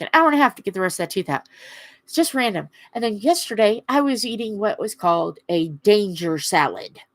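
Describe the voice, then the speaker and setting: A woman chatting casually and haltingly on a livestream, her words slightly impeded by a swollen lip. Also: lowish voice, no room sound. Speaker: craft livestream host. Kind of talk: casual rambling livestream chat.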